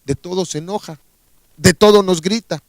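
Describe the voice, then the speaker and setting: High-voiced Mexican preacher. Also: male voice, moderate pace, no room sound. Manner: storytelling, with rhetorical questions to the listeners. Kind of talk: radio sermon.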